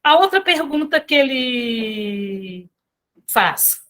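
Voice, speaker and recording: A woman's voice: on the high side, very animated, very slow, a bit bright. A woman giving an informal spiritual talk to a study group, telling stories in a chatty way with asides to her listeners. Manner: chatty, storytelling with filler tags and asides to listeners. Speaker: lay speaker at a spiritist center.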